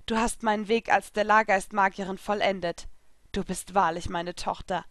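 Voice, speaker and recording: Hushed, tender mother figure, read by a woman, proud and loving, storybook style, quiet. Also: medium pitch, fairly even intonation, normal speed, dry recording, close to an everyday voice. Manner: soft and hushed.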